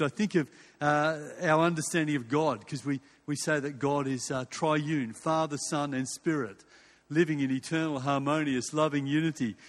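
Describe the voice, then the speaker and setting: This older preacher from Western Australia has a slightly high, fairly bright voice and an Australian accent. Speaking informally, he frames his sermon as a conversational story full of rhetorical questions and repeated lines, and the reverberation suggests a large hall or church.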